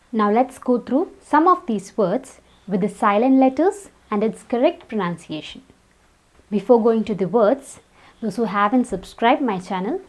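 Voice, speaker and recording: A woman giving a scripted pronunciation lesson, saying each word slowly and deliberately and repeating it for contrast. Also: fairly high pitch. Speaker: English pronunciation teacher.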